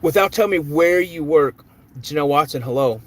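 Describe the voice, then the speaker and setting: A man's voice: a little high, brisk, slight background noise. A man hosting a live stream in a casual, chatty way, greeting viewers by name and answering their comments.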